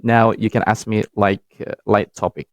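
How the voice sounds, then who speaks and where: Low-voiced man with an Indonesian accent. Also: fairly even intonation, moderate pace, no room sound. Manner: hesitant, many fillers and restarts, laughs easily. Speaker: podcast host and English learner. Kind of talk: casual practice talk.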